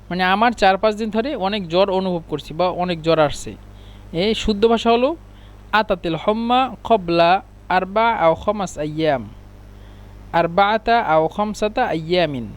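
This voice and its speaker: A man teaching an Arabic lesson who repeats each phrase slowly, explains every word and corrects his own slips. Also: sits high, clean tone. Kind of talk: language lesson.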